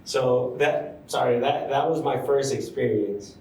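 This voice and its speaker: In a large room at a university center, a young man who works as a construction superintendent chats about his career as an interview guest. He's thoughtful and easygoing, often pausing, restarting, and saying um, in a medium-pitched voice. The distant mic catches room echo, faint ambience, and a little hiss or hum.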